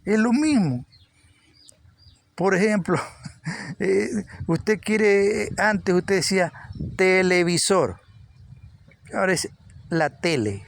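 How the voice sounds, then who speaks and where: A man's voice: high-pitched, lively intonation, slow pace, creaky, pauses often, no echo. A man preaching an informal Bible teaching, repeating words for emphasis. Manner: repeats words for emphasis, rising with energy at points.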